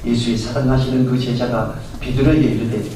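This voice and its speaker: A man's voice: medium pitch, little pitch movement, brisk, dark tone, slight background noise. A male pastor giving a Sunday sermon in a storytelling manner, acting out the characters in his stories. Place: church sanctuary. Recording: very echoey church hall, mic far off.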